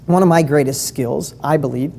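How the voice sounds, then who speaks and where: An enthusiastic woman leads a live online training, chatty and full of questions for her listeners. Her voice sits low and mellow, and it carries a long reverb tail like a big hall. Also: normal speed, gravelly. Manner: enthusiastic and conversational, asks the audience questions. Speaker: business coach.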